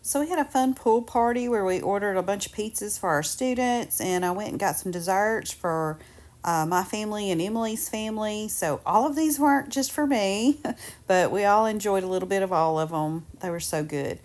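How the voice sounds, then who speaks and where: A woman's voice: mid-range voice, normal speed, darkish tone. A woman giving casual, upbeat vlog narration in a chatty way. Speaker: travel vlogger.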